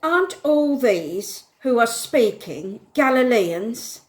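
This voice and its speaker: A woman's voice: a little high, very animated, slow. A woman reading the part of a bewildered onlooker in a church Bible reading, asking amazed questions.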